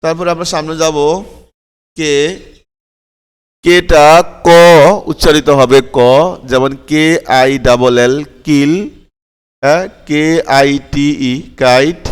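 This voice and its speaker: A man's voice: medium pitch, clean tone. Patient man teaching phonics, echoey. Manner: patient, repetitive, checks in often with questions. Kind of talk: spelling out and pronouncing words for learners.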